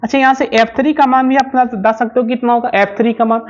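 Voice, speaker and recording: A man teaching physics at a board, explaining slowly and over and over, asking questions and answering them himself. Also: very high voice, little pitch movement. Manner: keeps asking and answering his own questions; slow, repetitive explaining. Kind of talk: whiteboard lecture. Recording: slightly dull lo-fi sound.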